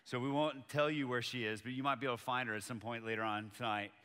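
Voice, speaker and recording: Man, from colombia, native spanish speaker, pastor, conversational sermon, bright forward voice, long church reverb. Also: mid-range voice, fairly even intonation, quick pace, clear, resonant tone. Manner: conversational, personal preaching. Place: church auditorium with live audience.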